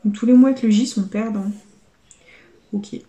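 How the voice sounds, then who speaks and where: A young adult woman commenting casually to her viewers as she scratches lottery tickets, spelling out letters and swinging between dread and excitement. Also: medium pitch, normal speed, reverberant.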